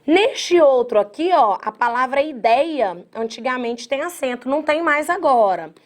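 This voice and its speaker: With a high, animated voice, this grammar teacher from Brazil runs an exam-prep lesson on grammar. Speaking right to her class, she breaks words into slow syllables and plays out her students' objections.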